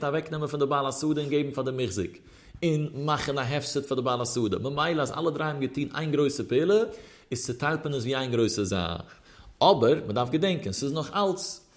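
A man teaching a traditional Talmud lesson, reasoning through a case in a sing-song manner that rises and falls. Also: mid-range voice. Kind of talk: traditional Talmud study lecture.

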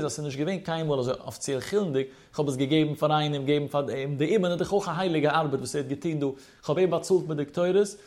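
A man's voice: on the high side, darkish tone. A man teaching a Talmud study lesson, explaining step by step with rhetorical questions and mixing in Hebrew study terms. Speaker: religious teacher.

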